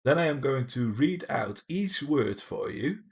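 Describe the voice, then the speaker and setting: A man with a Dutch accent co-hosting a casual livestream, jokey and teasing, with quick asides. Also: medium pitch, expressive, vocal fry. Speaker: library livestream co-host. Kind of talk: casual chat.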